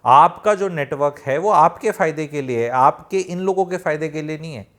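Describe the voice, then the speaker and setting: A man's voice: fairly high pitch, normal speed, a bit bright. Male self-help speaker, direct and plain-spoken, talking to camera like to friends. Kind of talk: advice talk to viewers.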